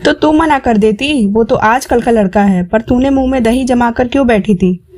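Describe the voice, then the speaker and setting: Woman putting on a shrill scolding mother-in-law. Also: normal speed, a little mellow, natural voice.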